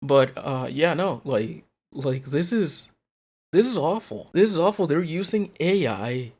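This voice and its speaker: A man's voice: fairly high pitch, slightly rough. Exasperated man on an escalating, sweary rant. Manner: casual, heavily profane talk. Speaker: host of a solo rant show. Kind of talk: unscripted, rambling rant.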